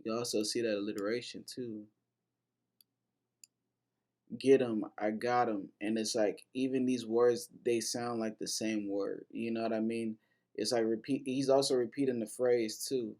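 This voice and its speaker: A man's voice: medium pitch, little pitch movement, moderate pace, a little mellow. A man hosting a casual lesson that breaks down rap lyrics, talking loosely with lots of fillers, restarts and casual swearing. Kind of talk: casual explanatory commentary.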